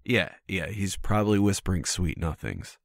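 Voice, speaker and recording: A man's voice: sits low, big pitch swings, normal speed, gravelly, no echo, clean studio sound. A man co-hosting a podcast in casual chat, teasing his co-host and often repeating words as he restarts.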